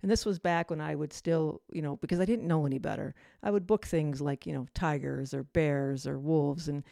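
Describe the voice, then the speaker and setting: A woman's voice: low voice, steady tone, normal speed, creaky, mellow, dry recording, clean studio sound. A middle-aged woman hosting a storytelling show, talking casually and rambling with many fillers and restarts. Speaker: host and storyteller.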